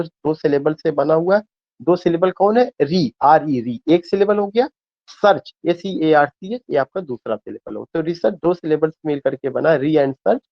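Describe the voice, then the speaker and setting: A male teacher with a fairly high voice gives a lecture, explaining ideas in a conversational way. He reads English passages slowly and deliberately and fills his pauses with drawn-out "uh" sounds. The recording sounds dull and lo-fi. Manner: frequent hesitation fillers. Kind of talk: classroom lecture.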